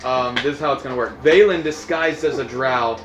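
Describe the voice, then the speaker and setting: A man's voice: medium pitch, a little fast. A man improvising narration and rulings as the game master of a tabletop role-playing game. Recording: echoey room, loud music behind.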